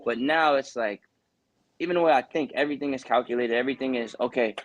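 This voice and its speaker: A man's voice: mid-range voice, quick pace, no room sound, lo-fi sound. A man in his twenties, a boxer from Connecticut, talking earnestly in a casual interview, rambling with lots of "you know" fillers. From Connecticut, USA.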